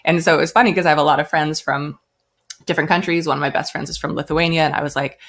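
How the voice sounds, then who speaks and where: A woman's voice: low-pitched, fairly even intonation, quick pace, fairly bright tone. An American woman, a brand founder, telling her story in a casual interview and acting out the voices of the people she quotes. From United States. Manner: chatty, acts out quoted voices.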